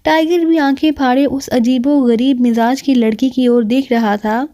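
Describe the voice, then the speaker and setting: A woman narrating a crime thriller novel aloud with steady, dramatic storytelling. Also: high-pitched. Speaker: audiobook narrator. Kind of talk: novel reading.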